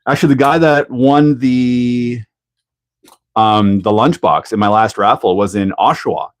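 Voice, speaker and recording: A man's voice: mid-range voice, measured pace, dry recording. A Canadian man hosting a live stream, chatting casually while he builds and answering viewers, with frequent laughs. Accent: Canadian English.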